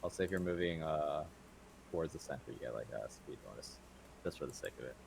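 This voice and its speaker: A man's voice: rumbling low, animated, quick pace, gravelly, slight background noise. A man narrating as game master of a tabletop game, talking loosely with many fillers.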